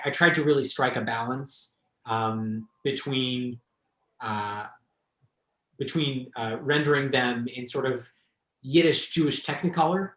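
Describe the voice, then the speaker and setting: A thoughtful man talks about his translation work at a relaxed, hesitant pace, dotting his sentences with fillers. His voice sits in a middle register, and the room around him gives a noticeable echo. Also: medium pitch. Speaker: translator, guest speaker. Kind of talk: conversational talk.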